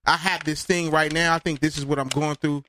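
A man's voice: fairly high pitch, fairly even intonation, a little fast, sharp tone. A man in his thirties co-hosting a casual podcast chat, boastful and joking, often breaking into laughter. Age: 30s. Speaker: podcast co-host.

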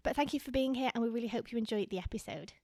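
A woman's voice: fairly high pitch, racing, a little mellow, no echo, clean studio sound. A woman hosting a podcast, opening the show and asking questions in an upbeat, welcoming way. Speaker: podcast host. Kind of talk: podcast intro and casual interview.

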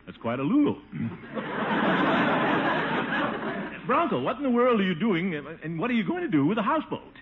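An actor playing a pompous but good-natured middle-aged uncle in a 1950s radio sitcom, theatrical and full of exclamations. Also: male voice, high voice, big pitch swings, quick pace. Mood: hearty, incredulous. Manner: theatrical, chuckling, exclaiming, patronizing. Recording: noisy, dull 1950s radio recording.

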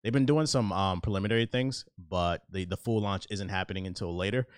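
Joking, boastful young podcast host. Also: male voice, low-pitched, fairly quick, smooth, dry recording, clean studio sound. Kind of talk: casual podcast chat. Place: new apartment in Los Angeles.

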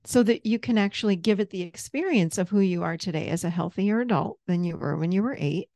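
A woman therapist gently guiding someone through a parts-work session with patient, step-by-step prompts. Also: mid-range voice, brisk, no room sound.

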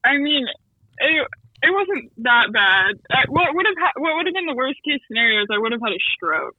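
A woman's voice: high voice, sing-song, a little fast, narrow, tinny audio. A woman calling in to a podcast, telling a story casually and with animation, swearing and acting out what other people said. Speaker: caller.

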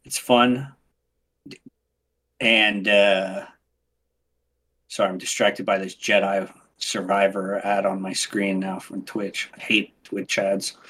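A man chatting casually as a podcast guest, animated and excitable, often restarting his sentences. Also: lowish voice, slow, long pauses, breathy edge. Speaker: podcast guest, game streamer. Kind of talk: casual interview chat.

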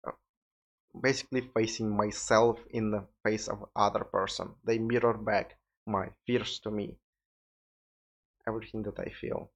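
Man, Russian accent, tired, rambling podcast talk, lowish voice, dull lo-fi sound. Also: little pitch movement, moderate pace, pauses often. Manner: rambling, loose and informal, occasional swearing. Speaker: podcast host. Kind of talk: solo podcast monologue. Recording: dull lo-fi recording.

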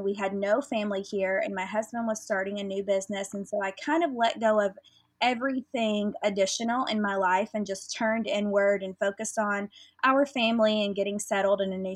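A woman's voice: medium pitch, no room sound, rough recording. A woman in her thirties with a Southern US accent, a podcast guest chatting earnestly about her family and work. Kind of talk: casual interview chat.

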